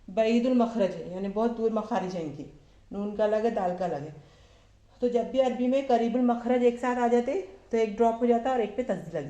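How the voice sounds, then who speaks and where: A woman teaching Arabic verb forms to a class of women, asking questions and answering them herself, repeating each form slowly. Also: fairly high pitch, mellow, roomy sound. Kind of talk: slow classroom lesson.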